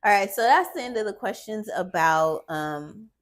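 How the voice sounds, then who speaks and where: A woman's voice: mid-range voice, animated, normal speed. A woman hosts a casual podcast chat in her ordinary voice. She teases her guest and laughs easily as she moves between stories. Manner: giggly, teasing. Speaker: podcast host.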